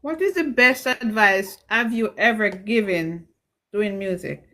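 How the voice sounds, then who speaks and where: A woman's voice: mid-range voice, unhurried, bright, forceful tone. A woman asking a musician questions in a casual online interview, speaking briefly and agreeably.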